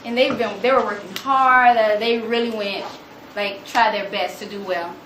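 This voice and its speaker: A young woman gives an animated storytelling talk to an audience, acting out quotes in a higher voice. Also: moderate pace. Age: young adult. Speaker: student speaker. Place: room with an audience. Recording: echoey room, noticeable background noise.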